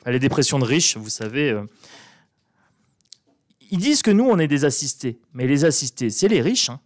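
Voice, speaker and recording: A man's voice: mid-range voice, big pitch swings, normal speed. A man with a northern French accent doing a casual, irreverent tarot reading to camera and mocking as he talks. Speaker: tarot card reader.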